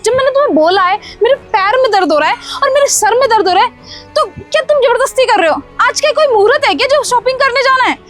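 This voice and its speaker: A sharp-tongued young wife in a cartoon story, voiced by a woman, scolding and brushing off every request. Her voice sits very high, and soft music hums in the background. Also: animated, fast talker. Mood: irritated. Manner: scolding, dismissive, full of excuses. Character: scheming young wife, bossy and evasive. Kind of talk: Hindi cartoon story dubbing.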